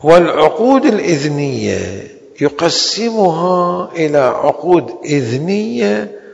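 A man teaching a seminary law lecture. He stretches out key terms slowly and then rushes through quick asides. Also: medium pitch, vocal fry, lo-fi sound. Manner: slow, drawn-out stresses on key terms with sudden quick asides. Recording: long hall reverb.

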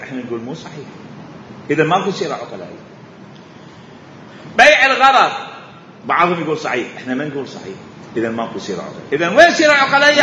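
A man lectures on Islamic jurisprudence in a lively, bright voice, raising rhetorical questions and coming back to the same point again and again. He is recorded in a large echoing hall, and the sound is dull and lo-fi. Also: fairly high pitch, slight background noise. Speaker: religious scholar teaching jurisprudence.

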